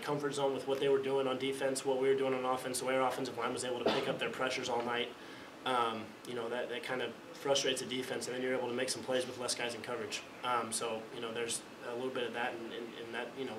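Speaking fast with little pitch movement in a mid-range voice, a young college quarterback gives postgame press conference answers, frequently restarting and repeating words. The indoor press room recording, taken from a table mic, is echoey and distant, with background noise.

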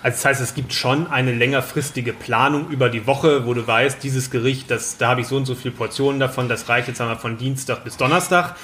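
A man's voice: mid-range voice, steady tone, a little fast, hardly any pauses, fairly bright tone, a little hiss or hum. A man hosting a podcast, talking casually and asking long, curious follow-up questions. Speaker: podcast host. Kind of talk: casual interview talk.

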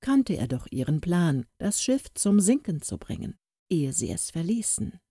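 A woman reading an audiobook as narrator, telling the story in a measured, expressive way. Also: lowish voice, vocal fry, husky, no room sound, studio quality. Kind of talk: scripted narration.

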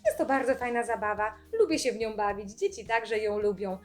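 A young adult woman with a slightly high voice calmly explains classroom games to teachers. She speaks clearly and evenly, with short pauses between phrases. Faint music plays softly under her voice. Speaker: speech therapist. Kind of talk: instructional video.

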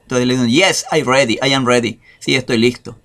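A man teaching an English lesson in a casual video, speaking slowly and tagging his phrases with questions. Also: mid-range voice, steady tone, a bit bright. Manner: slow, repeats phrases and adds "verdad".

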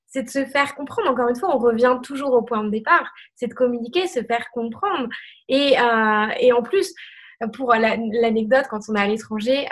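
A woman hosts a casual interview, agreeing and adding to what her guest says. Her voice sits fairly high. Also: a bit bright. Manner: agreeing, picks up the guest's points. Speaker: host.

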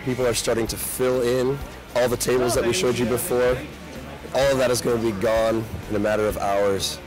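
A man's voice: medium pitch, little pitch movement, fairly quick, over music, poor audio. A man in his thirties hosting a walkthrough of a crowded warehouse sale, upbeat and salesy. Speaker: host. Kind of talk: event walkthrough and vox-pop interviews. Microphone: handheld mic.

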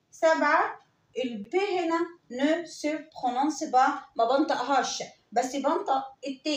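A woman with an Egyptian Arabic accent teaching a beginners' French lesson, saying each word slowly and repeating it for the class. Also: high voice, distant mic. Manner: slow, repetitive drilling of each word. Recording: echoey room, voice away from the mic.

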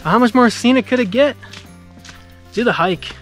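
Filming himself handheld at arm's length, a young man chats his way through a casual travel vlog on a mountain trail and inside a camper van, relaxed and poking fun at himself. His voice is very high and fairly bright, at a normal speed, with soft music playing underneath.

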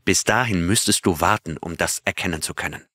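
A man's voice: low-pitched, brisk, pushed and bright, no room sound, clean studio sound. A man reading an earnest astronaut storyteller. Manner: earnest storytelling, asks listeners questions. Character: male astronaut telling his adventure to his crew. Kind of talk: audiobook reading of a character's tale.

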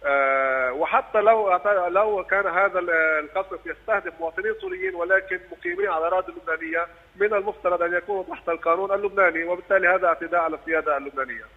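Fast male correspondent on tinny phone line. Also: high voice. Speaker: news correspondent. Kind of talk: live news commentary by phone. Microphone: telephone.

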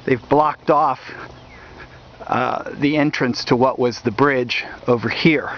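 A man narrating a walking tour outdoors along a wooded riverbank, talking in a halting way with many fillers, recorded on a handheld camera mic. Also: mid-range voice, steady tone, slight background noise. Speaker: history video host. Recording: dull lo-fi outdoor audio.

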